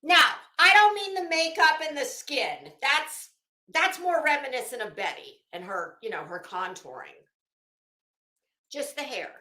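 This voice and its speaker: A woman with a high voice and lively intonation talks a little slowly on her casual livestream, her tone bright and forceful. She rambles, breaks off to find words, and quotes herself dramatically, and the roomy space around her adds a noticeable echo.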